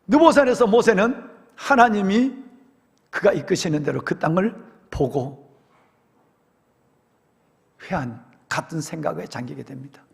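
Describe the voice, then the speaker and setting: A male senior pastor telling a story as a dramatic sermon, with animated delivery, in a church sanctuary. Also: high voice, unhurried, creaky, long pauses. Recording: long church hall reverb.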